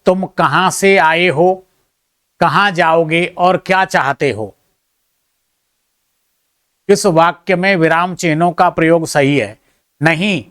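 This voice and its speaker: With a slightly high, fairly bright voice, a male teacher works through an exam answer key, reading questions aloud and checking the options one at a time. He throws in chatty, self-deprecating asides for his students, and the studio-quality sound carries no room tone.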